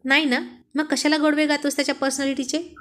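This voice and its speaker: A woman reading a story aloud and voicing a jealous, quick-tempered young husband who blusters irritably. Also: sits high, little pitch movement, fairly bright tone. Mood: irritated.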